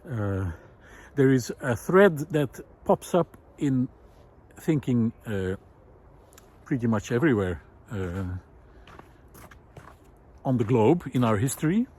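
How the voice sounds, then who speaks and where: This male vlogger strolls outdoors through a snowy park, musing aloud without a script in a thoughtful, hesitant way. His mid-range, darkish voice is very animated yet slow-paced, broken by long pauses.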